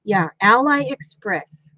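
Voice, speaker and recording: An older woman chatting casually on a craft livestream, thanking viewers warmly and exclaiming often as she sews. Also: medium pitch, animated, slow pace, no echo, muffled recording. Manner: chatty, gushing thanks to viewers with frequent gasps. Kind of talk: casual live-stream chat while sewing.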